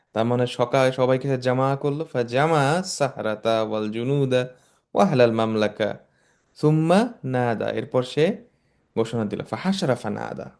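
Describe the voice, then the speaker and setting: A man's voice: medium pitch, gravelly, a little mellow. A man teaching Quranic Arabic grammar, explaining each word in turn and mixing English terms into his talk. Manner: slow, measured recitation of verses.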